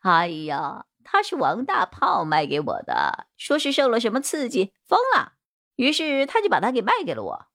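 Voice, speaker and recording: 女声扮演的谄媚胆小的光头男. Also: female voice, wildly swooping pitch, moderate pace, a bit bright. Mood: fawning. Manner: fawning, pleading, high and jumpy. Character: fawning cowardly male gang boss.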